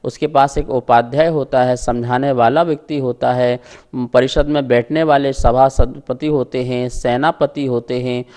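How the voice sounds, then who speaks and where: A man teaching scripture speaks with a mid-range, darkish voice and fairly even intonation. As a religious teacher in a slow recitation lesson, he draws out his words, sounding out each term syllable by syllable and explaining it step by step.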